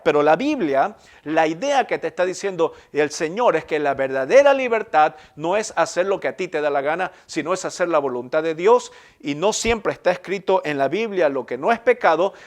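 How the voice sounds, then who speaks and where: A male pastor preaching a sermon in an earnest, emphatic way, swelling on key phrases and letting line endings fall soft. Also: high voice. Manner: earnest, emphatic preaching with rising bursts and soft trailing ends.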